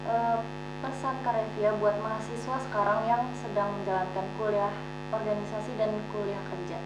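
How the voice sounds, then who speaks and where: A woman's voice: medium pitch, flat delivery, moderate pace. A young woman hosting a casual interview, friendly, asking short questions, with a distant roomy sound. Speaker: host. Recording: roomy distant mic, dull, noticeable hum.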